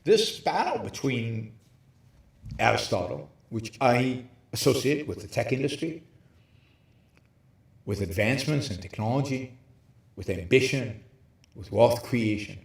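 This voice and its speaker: A man speaking in an even, middle-range voice, hosting a show and lecturing with emphasis. His voice bounces around a hotel room with very high ceilings, giving it a spooky cave-like echo. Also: measured pace, vocal fry, pauses often. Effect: hollow cave-like echo. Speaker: show host. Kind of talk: livestream talk on philosophy.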